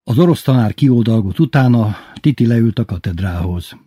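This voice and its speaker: Husky-voiced man reading a story. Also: mid-range voice, animated, mellow, no room sound, studio quality. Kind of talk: first-person story reading.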